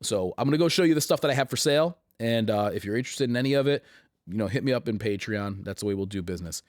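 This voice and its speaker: A man hosting his own show, talking in a casual, halting way with a scratchy voice, earnest and reflective, often restarting his sentences. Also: fairly low pitch, lively intonation, dry recording, clean studio sound. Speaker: host. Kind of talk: casual chat to camera.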